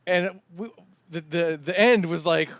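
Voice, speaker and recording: High-pitched male co-host, dry close mic, rambling and eager. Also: unhurried, fairly bright tone, no room sound, muffled recording. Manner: eager, rambling, with many likes and restarts. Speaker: podcast co-host. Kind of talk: casual movie discussion.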